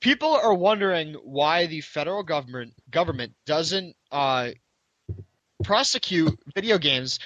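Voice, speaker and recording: A man's voice: on the high side, lively intonation, measured pace, fairly bright tone, dry recording, highs cut off. A man hosting a casual gaming podcast, chatting loosely with upbeat restarts. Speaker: podcast host. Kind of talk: casual chat.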